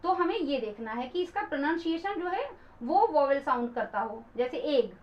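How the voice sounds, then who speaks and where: A woman's voice: high voice, very animated, moderate pace. A woman teacher patiently explaining grammar to viewers, calling them friends and switching into English example sentences. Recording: dull lo-fi recording.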